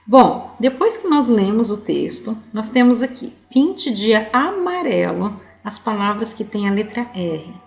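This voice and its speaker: Patient teacher woman, slow and gravelly. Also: mid-range voice, sing-song, darkish tone, reverberant. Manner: patient, coaxing, asks children by name. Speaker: primary school teacher. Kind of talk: online reading lesson for young children.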